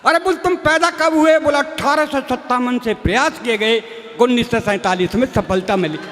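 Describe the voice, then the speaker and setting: A high-voiced man tells folksy comic stories on a live stage, slipping into the voices of the people in them. His voice rings out with a long hall reverb. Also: normal speed, a bit bright. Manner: folksy, plays many characters in dialogue. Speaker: stage comedy poet. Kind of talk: comic storytelling at a live poetry show.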